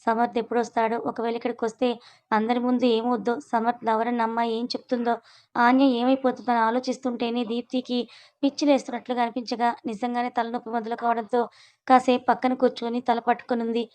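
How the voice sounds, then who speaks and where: A woman storyteller reads a written story aloud at a brisk clip. Her voice sits fairly high and stays level, with a steady, even flow from line to line. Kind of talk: scripted story narration.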